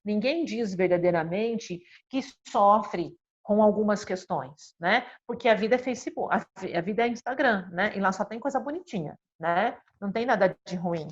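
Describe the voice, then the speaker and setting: A woman's voice: medium pitch, normal speed, few pauses, muffled recording. A Brazilian woman psychologist explaining earnestly in a conversational talk, often ending her phrases with tag questions. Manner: constantly adds tag questions, expressive and earnest.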